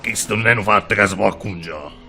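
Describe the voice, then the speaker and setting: A man's voice: lowish voice, a little fast, pushed and bright, soft background music. A man with a Neapolitan accent voicing a threatening, blustering gang boss in a comic amateur cartoon dub. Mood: menacing.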